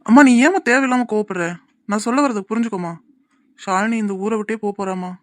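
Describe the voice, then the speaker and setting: A lovesick young man in a cartoon, subdued and wistful over the girl he loves, with a woman voicing him. His voice sits at a middle pitch and is recorded close and dry. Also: quick pace, dry recording, lightly acted. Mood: troubled. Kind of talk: cartoon voice acting.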